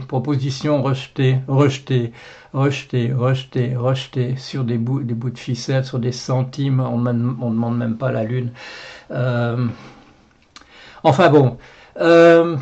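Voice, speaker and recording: A Belgian man with a Belgian French accent rambles indignantly to camera as a blogger in a casual video monologue, full of fillers and repetitions. His mid-range voice is gravelly and mellow, and the recording sounds muffled.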